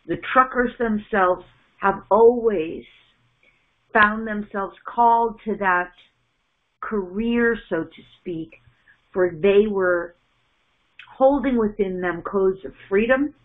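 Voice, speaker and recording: A middle-aged woman delivers a channeled spiritual message in a halting, measured way, often restarting and repeating words, recorded at home on a wired earphone mic. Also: medium pitch. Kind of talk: channeled message in first person plural. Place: small indoor room at home. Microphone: wired earphone mic on a webcam call. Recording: phone-like narrow sound.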